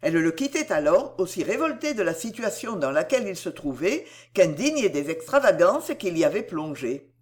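Audiobook narrator, measured, literary, animated pitch, mid-range voice. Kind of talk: scripted narration.

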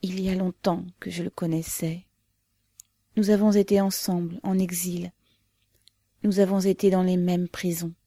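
A woman's voice: on the low side, flat delivery, normal speed, long pauses, dark tone, no echo. A woman voicing a grieving woman who speaks with a trembling voice.

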